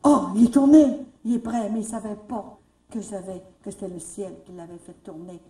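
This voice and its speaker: A woman with a Canadian French accent telling faith stories at a retreat, lively, repeating herself and rising into exclamations. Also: mid-range voice, normal speed. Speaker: retreat speaker. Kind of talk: storytelling talk. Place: retreat hall. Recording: echoey room, mic far off.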